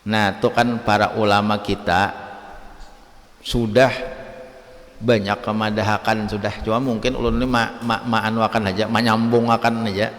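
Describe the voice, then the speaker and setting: A man with a Banjar accent giving a conversational religious lesson in an Islamic study hall, lecturing in a lively, chatty way and acting out examples. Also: mid-range voice. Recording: reverberant hall.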